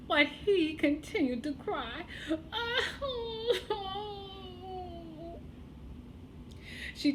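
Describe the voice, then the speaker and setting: A woman telling a children's tale as a storyteller, expressive and deliberate, with dramatic pauses. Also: high voice, slight background noise, poor audio.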